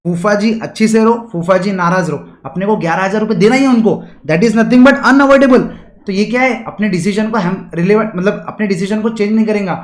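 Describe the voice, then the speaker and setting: A man teaches an exam revision lecture in a high, lifted voice. He keeps throwing rhetorical questions at his students and explains with everyday examples. The room around him is roomy and echoey. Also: fairly quick.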